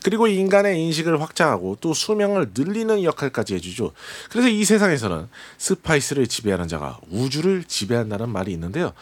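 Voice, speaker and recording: A man presenting and explaining a film in a measured, polite, scripted way to a host. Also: fairly high pitch, sing-song.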